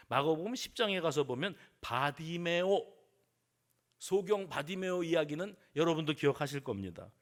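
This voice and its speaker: A middle-aged male pastor preaching a sermon, telling the story vividly, acting out the voices of the crowd and sometimes dropping to a hushed near-whisper. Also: on the high side.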